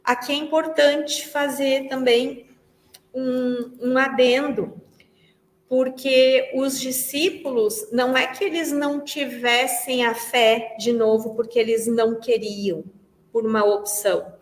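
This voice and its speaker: A Brazilian Portuguese woman gives a Spiritist study talk, explaining slowly and repeating phrases as she thinks. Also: high voice. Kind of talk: religious study lecture. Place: large meeting hall. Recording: echoey hall with long reverb.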